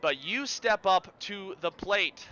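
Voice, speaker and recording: Male game master, smooth clear high voice, animated narration with vocal sound effects. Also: slow, dull audio.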